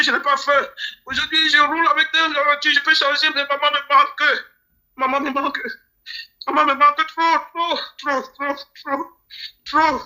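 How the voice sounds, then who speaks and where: Grieving man from Cameroon, pleading, fast and bright interview voice. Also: very high voice. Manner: pleading, repeats phrases. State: grieving, near tears. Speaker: interview guest. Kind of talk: emotional interview testimony.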